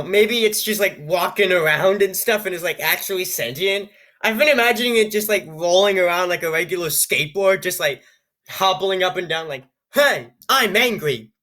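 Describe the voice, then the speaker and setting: A man reads a strange computer-written story aloud in a high, bright voice, tripping over odd phrases. He breaks off again and again for sarcastic, amused comments on the text. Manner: sarcastic, amused, stumbles over words while reading. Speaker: channel host reading an AI-written story. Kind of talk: reading aloud with joking asides.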